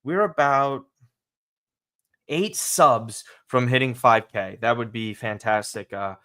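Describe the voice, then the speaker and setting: A man's voice: medium pitch, takes it slowly, a bit bright. A man with a slight lisp hosting a soccer podcast livestream, talking casually and emphatically to his viewers. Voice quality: slight lisp from dental aligners.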